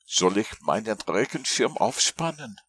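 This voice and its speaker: A man voicing a calm, kindly small boy in a storybook read-aloud, plain and matter-of-fact. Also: fairly low pitch, measured pace, breathy edge, pitched above the performer's own voice, exaggerated voice.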